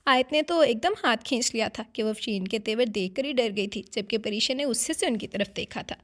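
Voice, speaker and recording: A woman narrating a dramatic romance novel in a steady storytelling voice. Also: a little high, brisk.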